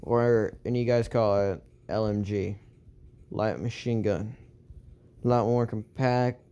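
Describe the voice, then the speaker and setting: Slow, rambling male storyteller. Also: lowish voice, steady tone, dark tone, clean tone, lo-fi sound. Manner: rambling, filled with "like" and restarts. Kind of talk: improvised fan storytelling.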